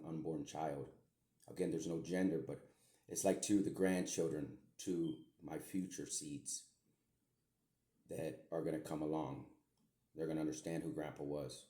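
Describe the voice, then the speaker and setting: Deep gravelly rambling man. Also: mellow. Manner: meandering, repeats himself, mild swearing. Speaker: podcast host, self-described medium. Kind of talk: rambling spoken message to his daughter. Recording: echoey room.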